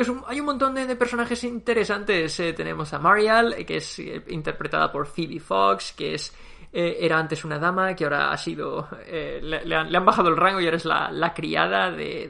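A man's voice: on the high side, creaky. Sarcastic chatty man reviewing. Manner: lively, sarcastic, chatty with fillers. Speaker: series reviewer. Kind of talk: casual spoken review.

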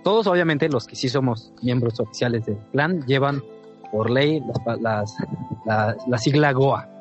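A man's voice: mid-range voice, unhurried, muffled recording, faint music behind. A man from Michoacán with a Mexico City accent, co-hosting a gaming podcast in a slangy, laid-back way. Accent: Mexico City Spanish. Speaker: podcast co-host. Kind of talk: casual gaming chat.

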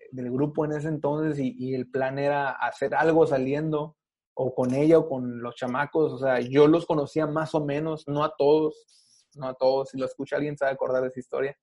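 A man's voice: fairly high pitch, darkish tone. A young Mexican man with a Mexican Spanish accent, a podcast guest telling his story casually with slang and acted-out quotes. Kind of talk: casual testimony.

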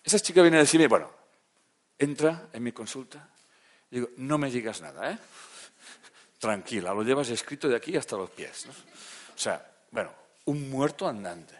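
A man giving a lecture as a therapist, talking conversationally and often checking that the audience is following, dropping soft and low then rising into loud emphatic bursts. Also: lively intonation, moderate pace, long pauses.

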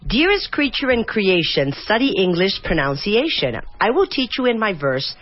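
A woman, hosting a casual radio chat and reading English haltingly and playfully. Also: medium pitch, sing-song. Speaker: radio host. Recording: dull lo-fi radio recording.

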